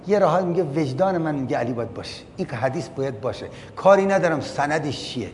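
A man giving a religious lecture. He reads out Arabic passages, explains them line by line and keeps asking his listeners questions. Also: expressive. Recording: long hall reverb with faint rumble.

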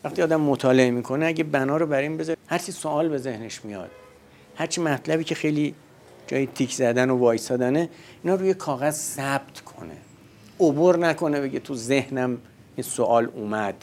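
A man's voice: a little high, darkish tone, a little hiss or hum. A man giving a religious lecture in a conversational way, posing rhetorical questions and answering them himself.

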